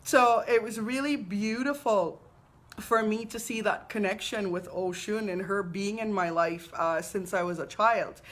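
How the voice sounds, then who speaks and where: A woman, a spiritual teacher hosting a live weekly talk, telling stories in an unhurried, reverent way. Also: medium pitch, fairly bright tone. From Trinidad and Tobago. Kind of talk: live-streamed personal talk.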